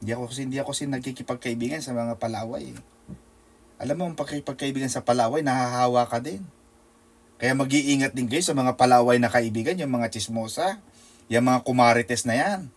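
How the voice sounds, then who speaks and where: A male pastor with a Filipino accent, preaching a sermon with rhetorical questions and call-and-response, swinging between loud emphasis and soft asides. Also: medium pitch, quick pace.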